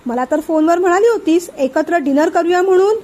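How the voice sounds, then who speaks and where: A woman reading a sharp-tongued, indignant young wife. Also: very high-pitched, fairly quick, pitched above the performer's own voice. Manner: sharp, cutting.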